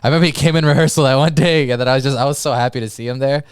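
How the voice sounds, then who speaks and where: A young man co-hosting a podcast, telling a story in casual chat with lots of laughing and mimicked shouts. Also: mid-range voice, steady tone, very fast, smooth, no echo, clean studio sound. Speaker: podcast co-host.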